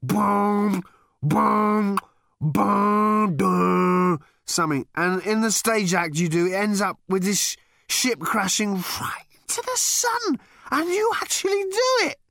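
A man's voice: sits high, animated, takes it slowly, creaky, fairly bright tone, dry recording, studio quality, voice pushed up, heavily acted. A man voicing a drunk male alien traveller who rambles in a slurred, overfamiliar way. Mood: tipsy, rambling.

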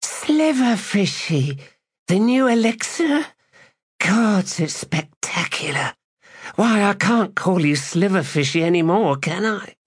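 A man voicing a playful noblewoman in bed with a husky, whispering voice. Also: on the high side, no echo, studio quality, pitched above the performer's own voice, heavily acted.

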